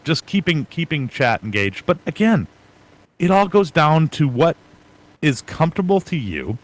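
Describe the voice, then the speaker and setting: A man who is a guest streamer, chatting casually on a panel and thinking out loud in long run-on advice. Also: fairly high pitch, big pitch swings, measured pace, rough recording.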